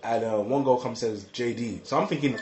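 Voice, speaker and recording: A young man telling an excitable, slangy story with lots of repeated words and laughter. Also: medium pitch, a little fast, roomy sound. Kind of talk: animated casual storytelling.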